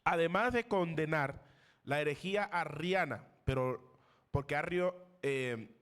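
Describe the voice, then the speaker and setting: A man with a fairly high-pitched voice teaches a theology class as a pastor. He lectures in a classroom style, lifting his voice to stress key terms and asking questions of his students. He pauses now and then with fillers while he searches for names. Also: a bit bright, clean tone.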